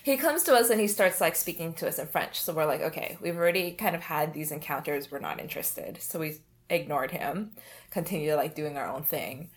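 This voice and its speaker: A young woman with a slightly low voice tells a travel story in loose, casual chat. She fills her sentences with "like" and jumps into lively asides. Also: a little fast. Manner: animated storyteller, lots of "like".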